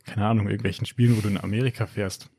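A man's voice: on the low side, fairly even intonation, rapid-fire, gravelly, dark tone, breathy edge. A young man from Germany chatting casually, telling things in a colloquial, loosely hedged way. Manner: colloquial, hedging storytelling. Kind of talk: casual chat.

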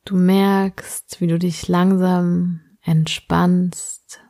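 A woman narrating a soothing sleep meditation like a bedtime guide, in a gentle, unhurried manner with drawn-out phrases. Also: fairly low pitch, little pitch movement, dry recording, clean studio sound. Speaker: podcast host and meditation guide.

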